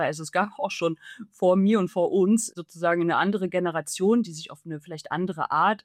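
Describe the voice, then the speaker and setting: A woman's voice: on the low side, no echo, clean studio sound. A woman in her thirties from East Germany, an author answering interview questions in long, fluent, emphatic sentences. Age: 30s. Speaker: author and journalist guest.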